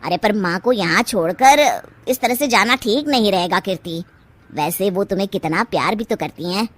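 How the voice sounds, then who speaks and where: A woman's voice: mid-range voice, normal speed, natural voice. A woman voicing a pliant young husband in a cartoon story, mild and hesitant.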